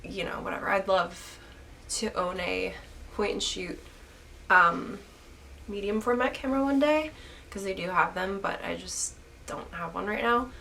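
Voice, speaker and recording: A woman's voice: mid-range voice, unhurried, gravelly, sharp tone, a little hiss or hum. A young woman with a stuffy voice, just getting over an illness, answering viewer questions about photography in a casual vlog, full of "like" and restarts. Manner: rambling, lots of "like" and restarts. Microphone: camera's built-in mic.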